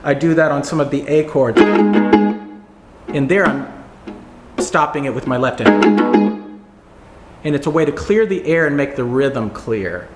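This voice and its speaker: A man teaching viola technique, explaining and demonstrating passages in a relaxed, pausing way. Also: medium pitch. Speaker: music teacher. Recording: roomy echo, faint music.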